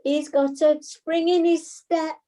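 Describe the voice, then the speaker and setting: A woman's voice: high-pitched, flat delivery, slow pace, dark tone. A woman playing a doting, meddling matchmaker figure who coos, on a video call. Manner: cooing, doting.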